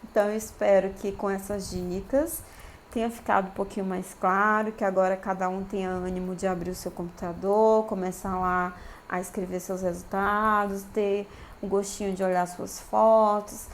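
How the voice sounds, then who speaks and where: A Brazilian woman lecturer, her voice worn down by a cold, speaking to her students over a faint background hiss. She keeps her pitch in a middling range and sounds encouraging, checking in with them often. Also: little pitch movement, moderate pace. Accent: Brazilian Portuguese. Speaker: university lecturer. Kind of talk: recorded video talk to students.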